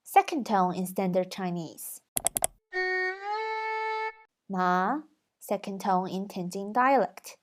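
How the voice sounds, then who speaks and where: A woman hosts an educational video, reading a scripted explanation at a steady middle pitch. She talks clearly and carefully, sounding out example syllables to show the tones. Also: a little slow, music in the background. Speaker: language video host.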